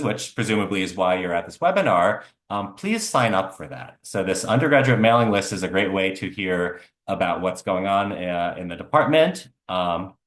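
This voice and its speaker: Man, low voice, faculty member presenting on a video call, hesitant with lots of fillers, echoey room. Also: a bit bright. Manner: halting, many fillers and restarts. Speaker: computer science faculty member. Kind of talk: online info session presentation. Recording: roomy echo.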